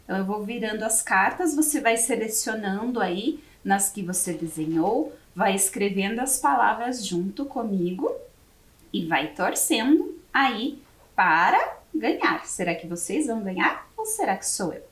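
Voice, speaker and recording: A Brazilian woman teacher with a Brazilian Portuguese accent, leading a word game for young children on a TV lesson and slowly spelling each word letter by letter. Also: mid-range voice, big pitch swings, roomy sound, far from the mic. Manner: slow, spelling words letter by letter. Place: classroom studio for educational TV.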